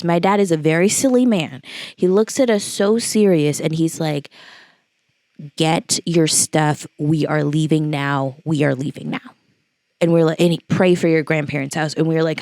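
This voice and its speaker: A young woman in her late twenties from the Los Angeles area tells a story in a casual vlog. Her voice sits low with a gravelly edge, and the close recording is dry. She talks loosely, with plenty of fillers and acted-out bits of dialogue. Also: darkish tone, no room sound. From Los Angeles area, California. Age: late 20s. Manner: casual, filler-heavy retelling with quoted dialogue. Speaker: vlogger.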